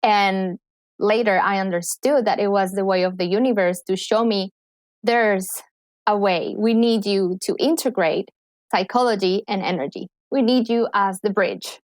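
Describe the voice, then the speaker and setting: This clinical psychologist and healer from Colombia chats as a podcast guest, her mid-range voice moving at a normal speed. Her Colombian accent comes through as she talks with animated enthusiasm in the casual conversation, recorded without echo.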